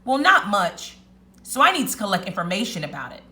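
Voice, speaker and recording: A woman voicing a clever, excitable little male rat in a storybook read-aloud, with an emphatic, chanting, exclamatory delivery. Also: mid-range voice, a little fast. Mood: pondering.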